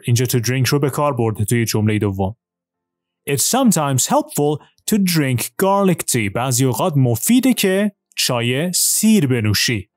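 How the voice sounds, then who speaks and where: Man teaching English, lively and clear. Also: mid-range voice, no room sound, studio quality. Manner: fast in Persian explanations, slow and deliberate on English examples. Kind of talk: language lesson, switching between Persian and slow English.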